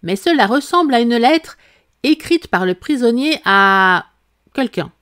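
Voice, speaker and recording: Woman voices nervous male rabbit herald, high, respectful, hurried, storybook. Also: expressive, a bit bright. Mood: officious.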